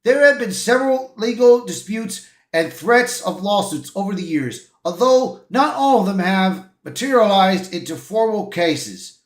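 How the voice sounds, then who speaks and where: Reading articles aloud for his livestream, this host speaks in a high, expressive voice at an unhurried pace, and the sound is reverberant. His commentary is casual and opinionated, with the odd flubbed word and frequent "bro," "man," and "dude."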